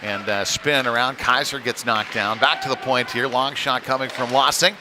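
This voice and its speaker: A man with a mid-range voice calls a live amateur hockey game at normal speed and in a steady tone. His play-by-play is casual and conversational, slightly hesitant in phrasing, over noisy arena sound.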